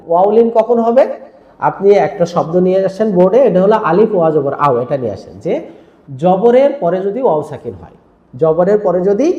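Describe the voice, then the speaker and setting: Brief: male teacher, high voice, patient step-by-step drills, roomy dull recording. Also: mellow. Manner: explains step by step, repeats rules and drills sounds slowly. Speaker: Quran reading teacher.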